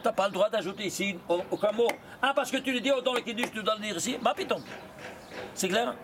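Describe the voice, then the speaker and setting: A rabbi teaching a lively Torah lesson, quizzing his students with quick rhetorical questions and mixing in Hebrew terms. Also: high voice, background noise.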